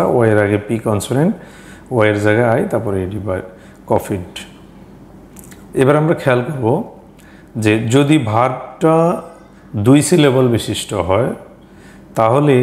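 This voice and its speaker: Bengali man teaching English rules. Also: mid-range voice. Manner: slow step-by-step explanation with examples. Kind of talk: explaining grammar rules. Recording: echoey room.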